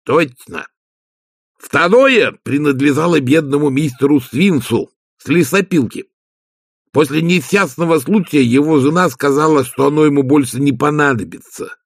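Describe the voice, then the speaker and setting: A man reading an audiobook, voicing a slow, gloomy male servant who talks in a deliberate, matter-of-fact way. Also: a little high, husky, dry recording, clean studio sound, pitched above the performer's own voice. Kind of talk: audiobook character voice.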